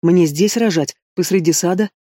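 A man's voice: high voice, normal speed, mellow, no room sound, clean studio sound. A man voicing a fiery young queen. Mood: strained. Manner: snappish, growling. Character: young queen in labor, sharp-tongued, fiery.

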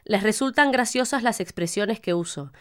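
An actress playing a young Argentine woman with an Argentine accent, calmly explaining in a scripted language-course monologue. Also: mid-range voice, natural voice. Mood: relaxed. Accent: Argentine Spanish. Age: young adult. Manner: calm, measured explaining. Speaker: student speaker in a listening exercise.

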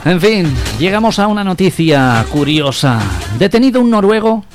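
Male radio comedy co-host, a slightly high voice, dry and relaxed delivery. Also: moderate pace, music in the background. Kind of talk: casual joke telling and news reading.

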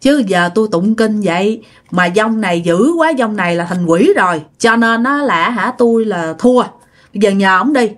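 A woman's voice: medium pitch, expressive, moderate pace, natural voice. A woman voicing an old Buddhist monk who admits he cannot help, in a plain resigned way. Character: defeated Buddhist monk, calm elderly man.

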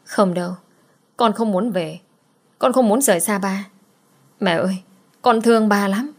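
A woman's voice: medium pitch, unhurried. A woman voicing a sad young girl who pleads tearfully with her mother. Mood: pleading.

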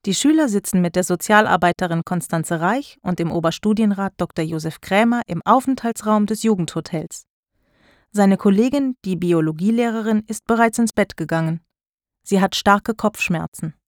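A woman reading a graded storybook aloud in a clear, measured narration. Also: mid-range voice, dry recording, clean studio sound. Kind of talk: scripted narration of a graded reader.

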